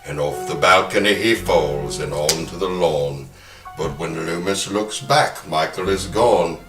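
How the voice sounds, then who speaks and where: A man hosts a podcast about film, mixing scripted narration of a film plot with round-table film talk, all delivered with a dramatic storyteller's flair. His voice is low and his pace measured. The recording has a roomy echo and faint music.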